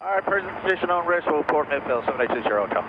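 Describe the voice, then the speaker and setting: A man's voice: on the high side, lively intonation, very fast. A man as a pilot giving readbacks and calls to the tower over the radio. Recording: muffled radio, loud engine noise.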